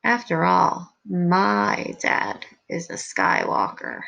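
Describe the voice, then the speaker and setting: Woman teacher reads a storybook aloud: unhurried, lowish voice, gravelly texture, expressive. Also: highs cut off. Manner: expressive storybook reading, pausing to comment. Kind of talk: reading a picture book aloud.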